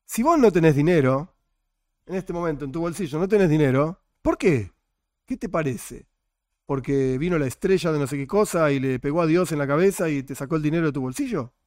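A man's voice: fairly high pitch, darkish tone, no echo, studio quality. A man teaching a religion class, full of rhetorical questions and jokey asides. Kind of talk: classroom lecture.

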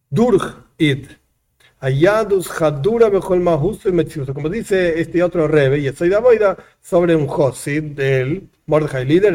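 A man's voice: on the high side, a little mellow. A man teaching a religious lesson, reading lines aloud and then explaining each one with examples. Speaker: rabbi teaching a text.

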